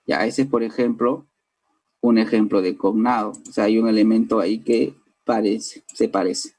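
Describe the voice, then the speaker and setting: This language teacher, a man with a Peruvian Spanish accent, explains his lesson to the class, frequently tacking on "¿no?" and speaking directly to students. His voice is fairly low, darkish and a bit breathy, steady in tone at normal speed, and the audio is poor.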